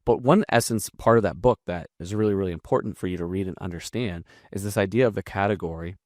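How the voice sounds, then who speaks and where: A man's voice: sits low, fast talker, darkish tone, no room sound, clean studio sound. A man teaching copywriting in a casual breakdown, talking bluntly and swearing freely. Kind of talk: casual screen-share breakdown.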